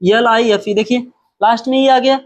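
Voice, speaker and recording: A man teaching a spoken lesson, explaining emphatically, asking and answering his own questions, and repeating example words slowly and drawn out. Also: very high-pitched, fairly even intonation.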